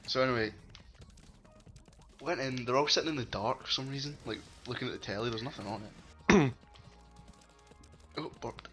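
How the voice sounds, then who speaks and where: A man's voice: mid-range voice, normal speed, pauses often, a bit bright, soft background music. A Scottish man telling a story with lots of swearing and laughter over casual gaming chat. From Scotland. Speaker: gaming channel co-host.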